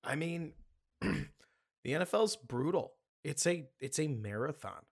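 Gravelly man musing on football. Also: a little high, expressive, measured pace. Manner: musing, loose and conversational. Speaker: podcast co-host. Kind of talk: casual sports podcast chat.

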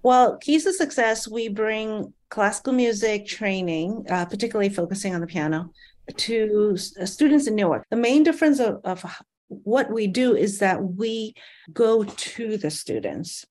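A middle-aged woman from Malaysia speaks as an interview guest, at a pitch typical for a woman. She talks thoughtfully, trailing into "um" and "uh" and breaking into small laughs along the way. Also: lively intonation, normal speed, darkish tone. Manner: thoughtful, with frequent fillers and light laughs. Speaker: guest, nonprofit founder. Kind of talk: conversational interview.

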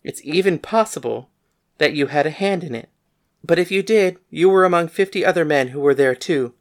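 A woman's voice: sits low, expressive, normal speed. Woman voicing a blunt young gunslinger woman. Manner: blunt, matter-of-fact. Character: bold young gunslinging woman, cook, frank. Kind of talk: audiobook character voice.

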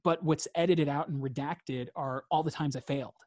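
A man's voice: on the high side, steady tone, normal speed, darkish tone, dry recording, studio quality. A man, a guest in a reflective interview, talking earnestly and repeating phrases for emphasis.

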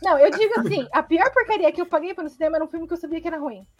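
Animated, fast-talking Brazilian woman. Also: very high voice. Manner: animated, rambling, blunt opinions. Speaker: podcast co-host. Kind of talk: casual chat. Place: home.

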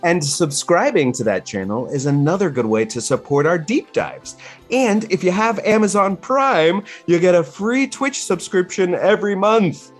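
Man host reading a scripted promo, animated pitch, faint music underneath. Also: normal speed. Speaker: podcast host. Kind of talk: scripted podcast intro and promo.

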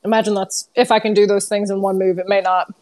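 A woman's voice: mid-range voice, flat delivery, fast talker, a little mellow. A woman playing a tabletop role-playing game, casually talking through what her character does.

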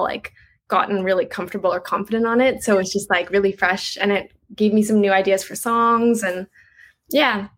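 A young woman talking casually about her music in an interview, chatty and quick to laugh, with lots of "like" in her speech. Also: mid-range voice, a bit bright, poor audio. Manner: chatty, uses "like" a lot, laughs easily. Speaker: guest musician.

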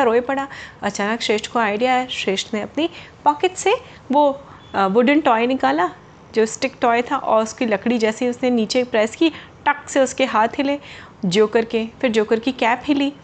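Higher-voiced woman telling kids a story. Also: normal speed, a little hiss or hum. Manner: warm, explains words to young listeners. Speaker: children's storyteller. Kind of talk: storytelling for children.

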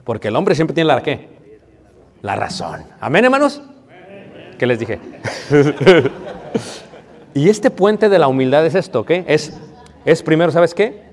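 A man's voice: on the high side, big pitch swings, unhurried, pauses often. A man preaching a marriage sermon, conversational and playful, asking the audience questions. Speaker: pastor. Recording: long reverb of a hall.

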